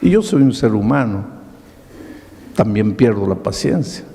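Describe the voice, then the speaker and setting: A man's voice: on the low side, expressive, a little slow, creaky, mellow, a little hiss or hum. An older man with a Peruvian Spanish accent, a pastor preaching a sermon and dramatically telling a story with acted-out dialogue. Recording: long hall reverb.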